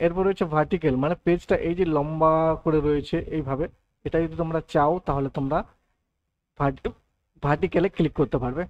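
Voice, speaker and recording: A man talks quickly through a software lesson, walking through each option one step at a time and often checking that his listeners are following. His voice sits a little high for a man, and the recording sounds muffled and lo-fi. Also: steady tone, no echo. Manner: explains step by step, often adds "thik ache" and "right". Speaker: computer tutor. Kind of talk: screen-recorded software tutorial.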